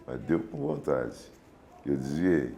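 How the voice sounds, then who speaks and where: A man's voice: extremely low pitch, slow pace, creaky, dark tone. A man, telling his memories in an interview and acting out the voices of people in the story. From Brazil. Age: 70s.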